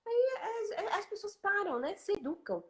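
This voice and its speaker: A woman's voice: very high-pitched, very animated, moderate pace, crowd noise. A Brazilian woman hosting a casual live chat, talking emphatically and eagerly repeating her agreement. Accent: Brazilian Portuguese. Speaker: host.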